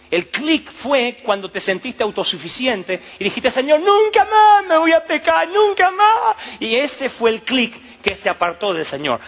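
A man preaching a sermon, telling the story with animated acted-out voices and shouts. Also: high-pitched, husky, lo-fi sound.

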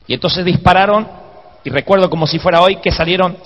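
A preacher tells a comic story from the pulpit, acting out the shouts and groans in it. His voice sits high for a man, and the live recording sounds dull and lo-fi. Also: brisk, long reverb tail. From Argentina.

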